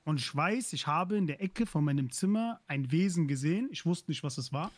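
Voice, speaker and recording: A man hosting a casual livestream talk, reacting with quick exclamations and telling his own story in halting restarts. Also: fairly high pitch, animated, dry recording. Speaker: livestream host. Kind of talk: casual chat.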